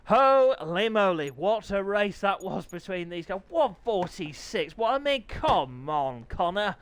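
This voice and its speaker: A man commentating live online races with an excitable, chatty manner, his throat sore and hoarse. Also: high voice, measured pace, slight background noise. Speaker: sim racing commentator.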